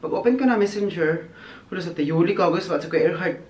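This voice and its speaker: Chatty, animated man with roomy echo. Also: high voice, fast. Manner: chatty, animated, laughs often, mixes English phrases. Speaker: vlogger. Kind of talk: casual birthday vlog chat. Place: outdoors on a windy day. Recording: echoey, roomy sound.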